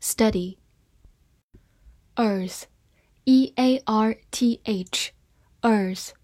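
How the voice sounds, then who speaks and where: Woman teacher for a vocabulary lesson: higher voice, slow and careful delivery, dry close sound. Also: a little mellow, no room sound. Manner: slow, careful spelling and model readings. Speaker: English teacher.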